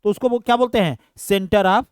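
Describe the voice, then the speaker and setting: A man's voice: high voice, brisk, smooth, no room sound, clean studio sound. A man teaching an online science lesson. He explains step by step, fondly calls his students "beta", and keeps asking whether they understood.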